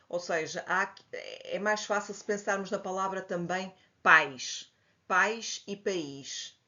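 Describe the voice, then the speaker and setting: Low-voiced Portuguese woman teaching grammar. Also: a bit bright. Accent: European Portuguese. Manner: patient explaining, spells out examples slowly. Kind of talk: slide-based grammar lesson. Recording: dull lo-fi audio.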